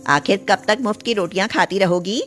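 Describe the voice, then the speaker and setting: A woman's voice: medium pitch, brisk, a bit bright, soft background music, natural voice. A woman voicing a cold, bossy rich elder sister who speaks in a commanding, scornful way. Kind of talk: storybook voice acting.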